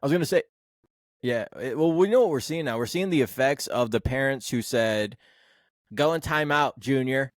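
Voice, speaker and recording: A man's voice: mid-range voice, animated, brisk, a little mellow, no room sound, studio quality. A man hosting a casual sports podcast, talking bluntly and rambling, with the odd swear word. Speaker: podcast host.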